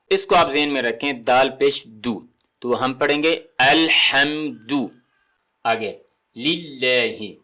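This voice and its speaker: Male tutor, calm and mid-pitched, teaching sound by sound and checking in often. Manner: patient, repeats sounds slowly and checks with "theek hai?". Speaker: Quran recitation teacher. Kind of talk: step-by-step tajweed lesson.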